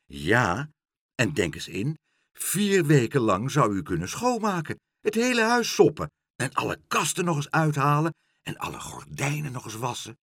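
A man doing a calm, sly doctor. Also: mid-range voice, moderate pace, husky, no room sound, studio quality, full character voice. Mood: persuasive. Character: kindly, calm, clever male doctor.

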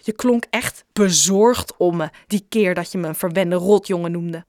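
A woman's voice: on the low side, normal speed, darkish tone, dry recording, lightly acted. Irritable schoolboy voiced by a woman, curt and snapping, dry sound, children's audiobook. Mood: angry. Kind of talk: audiobook character voice.

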